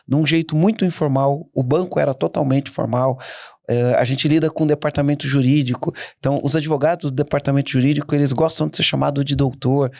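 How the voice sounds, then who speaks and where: A middle-aged man, a guest entrepreneur telling stories in a casual interview, animated and quick to restart his sentences. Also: fairly high pitch, vocal fry, no echo, clean studio sound. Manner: animated, anecdotal, frequent restarts.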